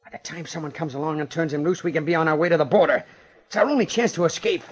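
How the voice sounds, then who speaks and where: An actor playing a tense, bossy miner on the run in an old-time radio drama. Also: male voice, a little high, fast talker, husky. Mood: forceful, impatient. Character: tense, bossy male fugitive miner with a gun.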